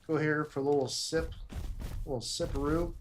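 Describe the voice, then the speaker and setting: A man's voice: a little high, steady tone, moderate pace, a little hiss or hum. A young man casually commentating his own livestream, self-deprecating and rambling, muttering to himself. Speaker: gaming livestreamer.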